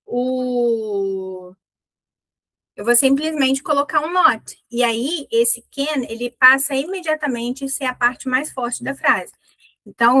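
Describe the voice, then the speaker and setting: A woman with a Brazilian Portuguese accent teaching an English lesson, lively, slowly drilling English example phrases with stress. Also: fairly high pitch, dry recording, poor audio.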